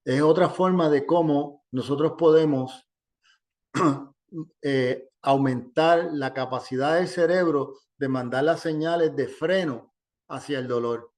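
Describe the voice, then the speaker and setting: Slow-talking doctor, man. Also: on the high side, darkish tone. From Puerto Rico. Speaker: gynecologist guest. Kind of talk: casual educational talk.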